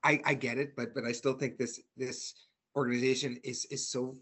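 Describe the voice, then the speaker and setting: Husky-voiced frustrated male sports fan. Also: medium pitch, little pitch movement, fairly quick, fairly bright tone. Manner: frustrated ranting, profane, repeats words when starting. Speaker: co-host of a sports fan show. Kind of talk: casual sports chat.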